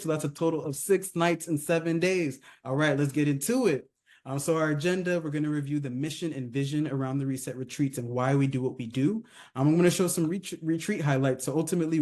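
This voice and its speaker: A company CEO from California casually presents a video overview of a retreat, his mellow voice sitting on the high side. He's conversational, full of fillers, and tags his sentences with "right?".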